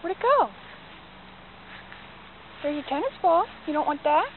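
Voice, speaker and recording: A high, lively woman's voice swoops up and down as she coaxes and calls her dog in a sing-song way during a game of fetch in the yard. The sound is thin and phone-like, as from a built-in camera mic, with a faint hiss underneath. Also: measured pace. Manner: sing-song coaxing, calling the dog's name. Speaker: dog owner filming her pet. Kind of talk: casual home video talk to a dog. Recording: tinny lo-fi home video sound.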